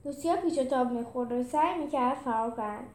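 A woman reading a children's story aloud as a podcast storyteller, with expressive delivery. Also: sits high. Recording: echoey room.

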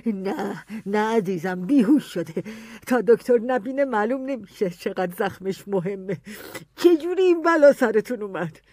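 Worried storybook aunt, tender and trembling, animated delivery, read by a woman. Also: medium pitch, hardly any pauses, dry recording, lightly acted. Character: anxious caring aunt, middle-aged woman.

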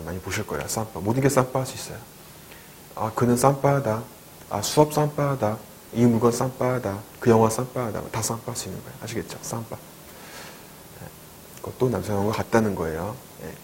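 A man's voice: lowish voice, a little mellow, slight background noise, low-quality recording. A man teaching French in a video lecture, patiently repeating each word for learners.

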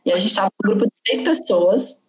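A woman's voice: mid-range voice, fairly quick. Brazilian woman in a roomy echo. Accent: Brazilian Portuguese. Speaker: podcast guest. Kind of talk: casual chat.

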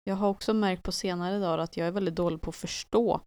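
A relaxed podcast co-host whose voice sits a little low for a woman. She talks in an easygoing, self-deprecating way. The recording is close and dry. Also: clear, resonant tone, no room sound. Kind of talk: casual chat.

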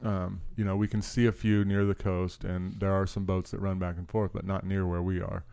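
A man with a fairly low voice is telling a story on a casual podcast. He is animated and swears freely, often breaking into laughs. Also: brisk, vocal fry, clear, resonant tone.

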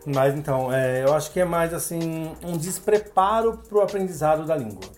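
A man's voice: fairly high pitch, lively intonation, moderate pace, a little mellow, faint music behind. A man with a Brazilian Portuguese accent, an English teacher who talks as a guest in a casual interview and explains patiently, often adding tag questions.

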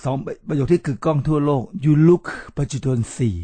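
Male podcast host, dark mellow tone, dry close sound, preachy motivational delivery. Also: a little high, no room sound. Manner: emphatic, slow repetitions, addresses listeners directly. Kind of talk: motivational talk to listeners.

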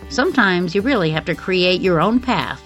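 A woman's voice: lowish voice, animated, moderate pace. A woman podcast host telling her own story in a scripted but conversational narration. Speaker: podcast host, former television reporter. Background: music bed.

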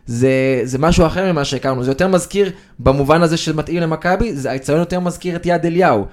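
A man co-hosting a sports podcast, chatting casually and wandering from point to point with plenty of fillers. His voice sits a little higher than most men's. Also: darkish tone. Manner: conversational, digressive, with frequent fillers. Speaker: sports journalist, podcast co-host.

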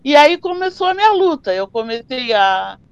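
An older woman, recalling her working life in an oral history interview and telling her stories in an animated way. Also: sits high, moderate pace, no echo. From southern Brazil. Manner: animated storyteller who acts out dialogues. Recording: slightly dull, dry recording.

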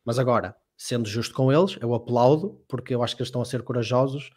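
Fast-talking Portuguese man, emphatic. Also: mid-range voice, a little mellow. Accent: European Portuguese. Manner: emphatic, opinionated commentary. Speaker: co-host. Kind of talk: casual live discussion.

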